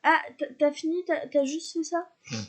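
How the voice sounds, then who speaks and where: A woman casually commentating her life-simulation gameplay, chatty and excitable, talking to her characters, sniffly from a cold. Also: high-pitched, moderate pace. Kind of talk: casual let's-play commentary.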